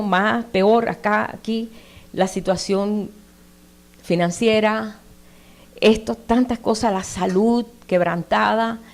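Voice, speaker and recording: A woman preaching a sermon in a conversational way. She reads scripture aloud with emphatic rises and puts questions straight to her listeners. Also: medium pitch. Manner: addresses listeners directly with tag questions.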